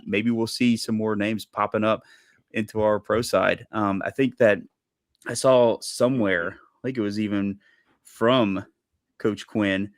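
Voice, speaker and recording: A man's voice: lowish voice, dry recording, studio quality. A man co-hosting a sports podcast, chatting casually and rambling with lots of fillers. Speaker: podcast co-host. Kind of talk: casual chat.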